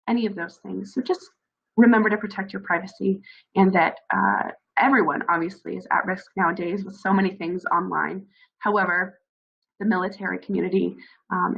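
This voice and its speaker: In a lo-fi clip, a hoarse woman with a cold advises new military spouses informally, earnest and encouraging, with frequent fillers. Her mid-range voice comes out creaky, scratchy and froggy.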